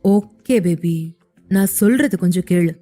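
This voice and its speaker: A woman's voice: mid-range voice, measured pace, dark tone, voice pushed down, lightly acted. A woman voicing a young husband in an audio story, who teases and pleads with his wife and turns stern when pushed. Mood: soothing.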